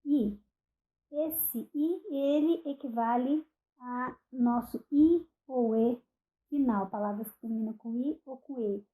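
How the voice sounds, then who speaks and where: Slow, deliberate Brazilian woman lecturer. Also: sits high, warm tone, rough recording. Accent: Brazilian Portuguese. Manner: slow, deliberate, spells out example words; frequent "ok?" check-ins and self-corrections. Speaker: university lecturer. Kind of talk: recorded online lecture on phonetics.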